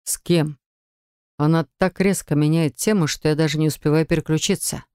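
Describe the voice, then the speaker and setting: Smooth, even-toned woman narrator. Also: low voice, moderate pace, no room sound, studio quality. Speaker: audiobook narrator. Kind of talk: first-person audiobook narration.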